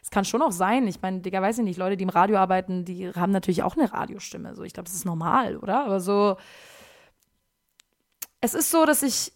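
A woman's voice: mid-range voice, brisk. A young woman in her twenties hosting a casual solo podcast from her kitchen, rambling in slangy speech and dropping "Digga" all the time. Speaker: podcast host. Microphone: podcast microphone.

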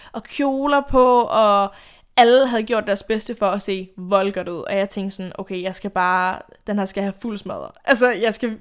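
Young female podcast host telling stories, chatty and rambling, smooth clear tone. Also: on the high side. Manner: rambling, chatty, laughs often. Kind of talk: casual storytime chat.

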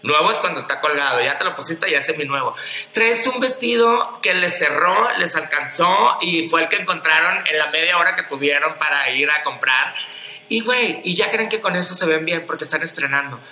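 A Mexican man with a high, sharply bright voice talks in an echoey room. He is blunt and profane, and he keeps breaking into mocking impressions of other people. His delivery is animated and fast-moving. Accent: Mexican Spanish. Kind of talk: casual podcast chat.

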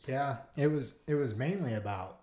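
A man's voice: mid-range voice, moderate pace, mellow. A man chatting casually as a podcast guest, laid-back with a dry, teasing humor. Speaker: podcast guest and brand co-founder. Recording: echoey room.

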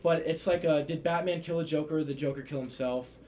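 Animated, higher-voiced man telling stories. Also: a little fast, slight background noise. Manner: animated storyteller, swears freely. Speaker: podcast guest. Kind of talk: casual chat.

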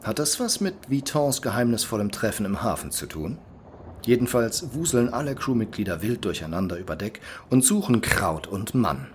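Deep-voiced man narrating an audio drama. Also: very animated, moderate pace, a little hiss or hum.

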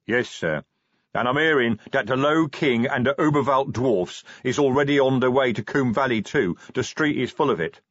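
A man voicing a big male troll sergeant who talks slowly and patiently, with broken grammar. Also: medium pitch, no echo, pitched above the performer's own voice, natural voice. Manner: slow, patient, plodding, ungrammatical. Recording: dry, slightly dull audiobook sound.

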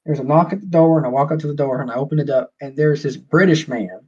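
Over dull lo-fi call audio, a Southern-accented man from Georgia, USA, chats and tells stories casually on a podcast. His voice sits on the high side, fast, with a darkish, slightly rough tone.

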